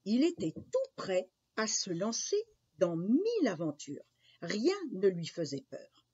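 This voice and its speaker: A woman narrating a children's fairy tale in an expressive, unhurried storybook style. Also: mid-range voice, breathy edge. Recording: dull lo-fi recording.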